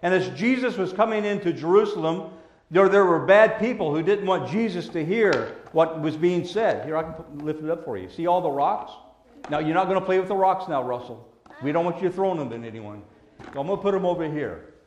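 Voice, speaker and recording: A man preaching a children's sermon as a pastor, gentle and patient like a Sunday school teacher, using simple words and questions. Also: on the high side, animated, fairly quick, a little hiss or hum. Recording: echoey room.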